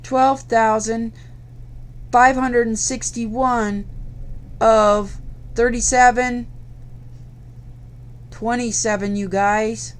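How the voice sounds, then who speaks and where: A woman's voice: a little high, fairly even intonation, drawn-out words, long pauses, clean tone. A tired woman hosting a crafting channel, talking casually to her viewers late at night. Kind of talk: casual tutorial talk to viewers.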